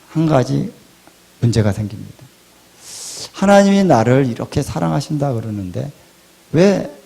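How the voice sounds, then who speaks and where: A male pastor preaching a sermon, asking rhetorical questions and swinging between loud and hushed delivery. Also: medium pitch, gravelly. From Korea.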